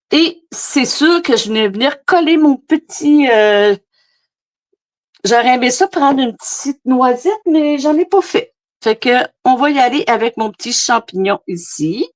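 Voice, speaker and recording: Québécois lady chatting slowly thru a card-making demo on her phone, lots of euh's. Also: high-pitched. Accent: Québécois French. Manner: chatty, rambling, many fillers. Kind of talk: casual live craft demo. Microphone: phone camera.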